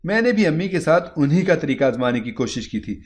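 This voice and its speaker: A man reading a first-person moral story in a steady, earnest narration. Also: fairly high pitch.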